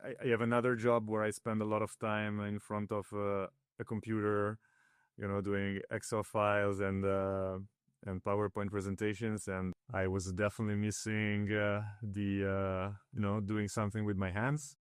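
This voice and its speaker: A ski builder, a guest from northern Italy raised in Switzerland with Italian as his first language, talks through a casual interview with many fillers and restarts. His voice is lowish, clean and fairly flat in pitch, at a moderate pace, in a dry, studio-quality recording.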